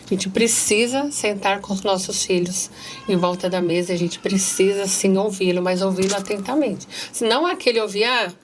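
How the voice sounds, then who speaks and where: An earnest, middle-aged woman with a Brazilian accent, speaking as a podcast guest. She reads passages aloud in an even, mid-range voice and turns often to speak straight to the listeners, with a faint hiss of noise underneath. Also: mid-range voice, moderate pace. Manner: earnest, addresses listeners directly. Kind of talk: casual conversation, reading passages aloud.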